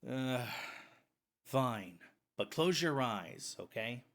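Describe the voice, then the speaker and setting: A man plays a young defense attorney in a fan-made game, grumbling and uneasy. His voice is bright and tense at a middle pitch, with a reluctant edge. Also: lively intonation, extremely slow, full character voice. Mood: grumpy.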